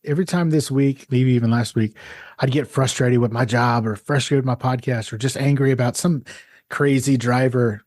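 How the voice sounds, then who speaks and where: A man's voice: medium pitch, a little mellow. Chatty man hosting a podcast. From San Antonio, Texas. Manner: chatty, self-interrupting, says "dude" and "man". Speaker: podcast host. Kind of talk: casual podcast interview and intro.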